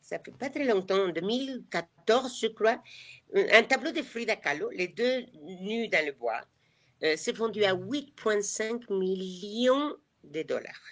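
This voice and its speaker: A woman's voice: mid-range voice, expressive, measured pace. A woman from Mexico, whose first language is Spanish, speaking with a Mexican Spanish accent as a chatty, hesitant guide on a live virtual tour over a video call. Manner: chatty, hesitant, many fillers and restarts.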